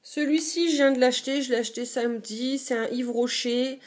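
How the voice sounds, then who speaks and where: In a dim bedroom, a young woman who does beauty vlogs chats casually through a show-and-tell of her own collection. Her high voice moves fairly quickly with a steady tone, yet she's hesitant and full of fillers.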